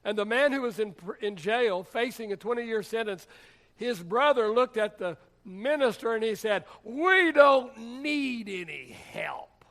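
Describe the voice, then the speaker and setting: High-voiced pastor preaching. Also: male voice, normal speed. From United States. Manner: conversational, animated storytelling with humor. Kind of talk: sermon. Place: church.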